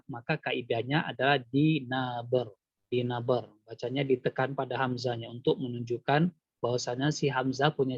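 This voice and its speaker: A man's voice: medium pitch, no room sound, lo-fi sound. A man teaching Quran recitation rules one-on-one in an online lesson, patiently quizzing his student with repeated questions. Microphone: video call.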